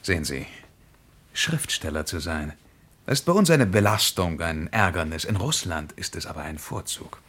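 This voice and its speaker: An actor playing a thoughtful, wry writer abroad who explains things in a radio drama. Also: male voice, deep voice, animated, normal speed, a bit bright, husky, exaggerated voice.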